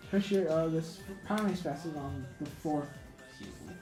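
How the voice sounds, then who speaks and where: A woman's voice: low-pitched, normal speed, roomy sound, music in the background, rough recording. A woman teaching English pronunciation in a casual lesson, thinking aloud with many fillers and self-corrections.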